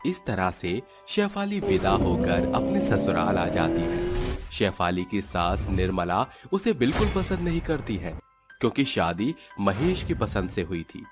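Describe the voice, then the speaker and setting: A male narrator reading a cartoon moral story in a lively, storytelling manner. His pitch moves a lot, and music plays clearly under the whole narration. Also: measured pace.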